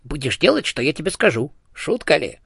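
A man's voice: a little high, very animated, a little fast, vocal fry, fairly bright tone, husky, no room sound, studio quality, pitched above the performer's own voice, exaggerated voice. A man voicing the chatty, bossy ghost of a small male hamster in an audiobook, fussy and pushy. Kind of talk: audiobook character voice.

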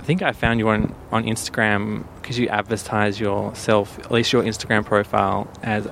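A man from Perth hosting a podcast, asking relaxed, rambling questions in casual chat. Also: lowish voice, normal speed, gravelly, a little hiss or hum. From Perth, Australia. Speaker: podcast host.

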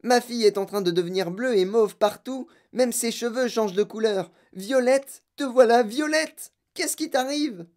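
A woman's voice: fairly low pitch, lively intonation, moderate pace, hardly any pauses, darkish tone, clean tone, close to an everyday voice. A woman voicing a panicky, doting mother shrieking in alarm, in a storybook reading. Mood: panicked.

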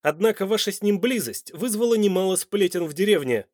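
A man's voice: mid-range voice, fast, no room sound, clean studio sound, close to an everyday voice. A man voicing a hot-tempered, demanding son. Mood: angry. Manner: loud, sharp, demanding.

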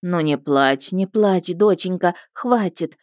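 A woman's voice: on the low side, takes it slowly, darkish tone, dry recording, clean studio sound. A woman voicing a stout, tearful noble mother in middle age. She sounds emotional and pleading. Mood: tearful relief.

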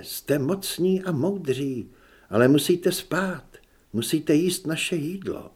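A male audiobook narrator voicing a bold, cunning young high priestess who speaks in a calm, persuasive way. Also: husky. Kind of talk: audiobook character reading.

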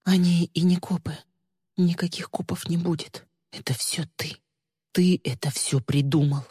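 A man's voice: steady tone, measured pace, dark tone, slightly rough, long reverb tail. A man voicing a frightened young woman who cries out in panic and breaks into tears. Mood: tearful. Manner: high-pitched, panicked cries.

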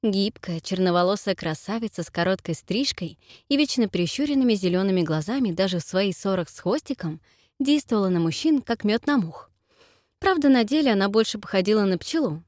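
A woman reading a first-person audiobook narration with an expressive storytelling delivery. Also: medium pitch, brisk, no echo, studio quality. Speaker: audiobook reader.

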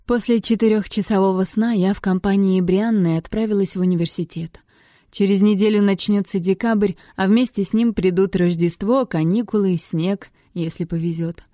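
A woman's voice: medium pitch, fairly even intonation, moderate pace, dark tone, dry recording, studio quality. A woman reading a first-person novel aloud, with a wry, sardonic tone. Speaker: audiobook narrator.

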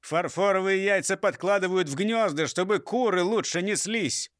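A man's voice: high voice, moderate pace, fairly bright tone, dry recording, clean studio sound, voice pushed up. A man doing a bossy boastful robber chief. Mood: scolding. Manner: scolding, mocking. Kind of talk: audiobook character voice.

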